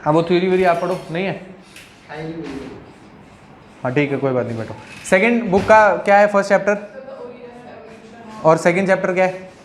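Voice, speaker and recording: A man's voice: high voice, fast. A male teacher giving a classroom lecture in a conversational way, often checking in with his students.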